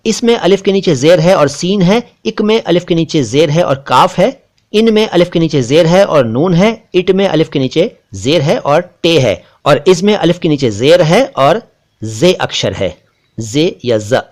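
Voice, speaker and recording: A man with a slightly raised voice teaches Urdu letters as a patient lesson. He drags out each short word slowly and deliberately, and he insists firmly on correct pronunciation. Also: fairly high pitch, expressive, a little mellow. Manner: slow, deliberate spelling-out of letters and words; stresses correct pronunciation, a bit critical of others. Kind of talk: spoken script lesson.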